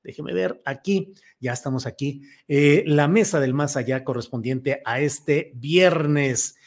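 Mexican male talk-show host, fairly high. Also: takes it slowly. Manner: conversational, introduces the panel.

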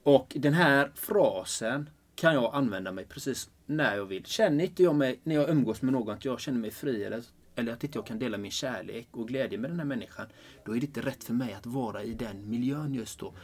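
Guy life coach talking about his purpose, earnest and excited, restarts a lot. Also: mid-range voice. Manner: earnest, enthusiastic, with many restarts. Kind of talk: casual conversation.

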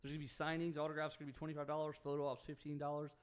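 A young man hosts a local sports radio show in a casual, joking way. His voice sits a little high for a man, and he drifts into banter and asides. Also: completely flat delivery, racing, clear, resonant tone. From Houston area, Texas.

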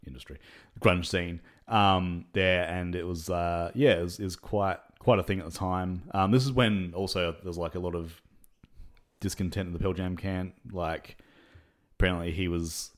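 A man's voice: low-pitched, steady tone, moderate pace. A man co-hosting a podcast, talking casually and rambling with lots of fillers and little laughs. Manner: rambling, many fillers, laughs between points. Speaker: podcast co-host. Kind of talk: casual chat.

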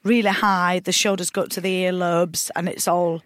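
A woman comedian chatting casually on a podcast, agreeable and quick to add "isn't it". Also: on the low side, level tone, dry recording, clean studio sound. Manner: chatty, agreeable, frequent tag questions. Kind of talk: casual chat.

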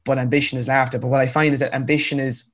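A man's voice: mid-range voice, flat delivery, rapid-fire. Earnest young man, rural Irish accent. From County Cavan, rural Ireland. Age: 20s. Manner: earnest, emphatic, repeats phrases for effect. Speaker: interview guest, author. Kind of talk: conversational motivational storytelling.

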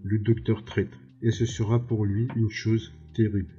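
A man voicing a cruel, scheming baron who speaks slowly and mockingly. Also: lowish voice, little pitch movement, dark tone, highs cut off, faint music behind, natural voice. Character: cruel scheming male baron, older, menacing.

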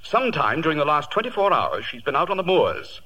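Sherlock Holmes, commanding and animated. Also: male voice, fairly high pitch, fairly quick, husky, dull audio, heavily acted. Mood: brisk, commanding. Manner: clipped, authoritative, deductive. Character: shrewd, commanding gentleman detective. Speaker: radio actor. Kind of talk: 1940s radio acting. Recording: noisy 1940s radio recording.

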